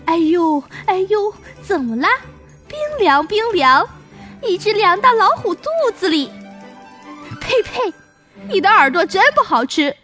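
A woman voicing a greedy, gullible male tiger in a children's story, with loud blustering exclamations. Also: very high voice, lively intonation, a little slow, faint music behind, exaggerated voice. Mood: pained.

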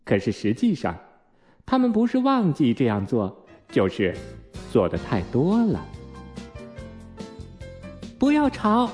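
A man reading a children's storybook aloud in an expressive, unhurried way. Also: mid-range voice, faint music behind. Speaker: narrator.

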